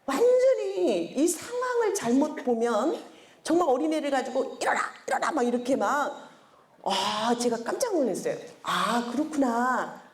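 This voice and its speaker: Middle-aged woman lecturer, expressive and theatrical, swoops high and low, heard in a roomy space. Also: a little slow. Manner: animated, acts out quoted scolding in a sharp voice. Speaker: seminar lecturer, head of a character-education school. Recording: roomy echo.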